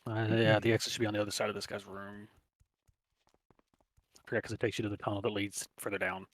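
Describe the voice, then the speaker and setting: A man's voice: lowish voice, flat delivery, fast, dry recording, rough recording. A man guiding his group casually over online game voice chat, with faint noise behind him.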